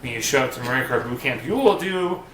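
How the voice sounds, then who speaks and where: A man's voice: mid-range voice, lively intonation, fast talker, a bit bright. A man giving casual advice to viewers in a rambling, joking, conversational way. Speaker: vlogger giving boot camp advice. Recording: roomy echo, faint hiss.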